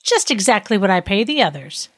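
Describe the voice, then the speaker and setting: A woman's voice: mid-range voice, big pitch swings, a little fast, no echo, clean studio sound. A woman reading the lines of a cruel, smug male judge, bossy with peasants and fawning to the king. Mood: threatening.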